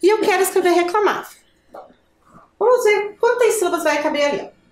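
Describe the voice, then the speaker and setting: A woman's voice: very high voice, animated, a little fast, a little hiss or hum. Brazilian woman teaching kids, patient and questioning, bouncy sing-song voice, roomy echo. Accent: Brazilian Portuguese. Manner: patient, asks the viewer questions. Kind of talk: classroom lesson for children.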